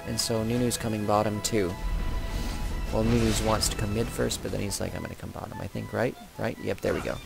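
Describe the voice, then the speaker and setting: Low gravelly young guy chatting over his game match, music loud behind. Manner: chatty, rambling, self-correcting. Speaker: gamer commentating his own match. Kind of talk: casual gameplay commentary.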